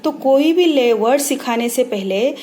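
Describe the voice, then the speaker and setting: A woman teacher giving a phonics lesson to parents, saying each letter sound slowly and repeating it. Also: high-pitched, lively intonation, mellow. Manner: slow, repeats sounds for practice.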